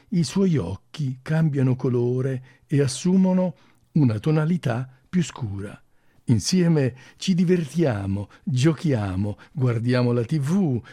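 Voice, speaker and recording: A male radio host talking gently and effusively on air, then reading a short fairy tale aloud. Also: medium pitch, no room sound, clean studio sound. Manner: gentle and effusive, with small restarts.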